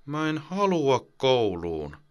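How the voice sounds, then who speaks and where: A man's voice: a little high, very animated, bright, forceful tone, pitched above the performer's own voice. A man voicing a sleepy, stubborn young boy in an audiobook, with a whiny, pleading voice. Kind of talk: audiobook character voice.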